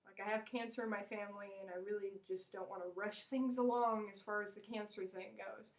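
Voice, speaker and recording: A woman's voice: fairly even intonation, a little fast, rough recording. An American woman vlogger delivering a blunt, opinionated, rambling rant to camera, with frequent restarts. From United States. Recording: low-volume home recording.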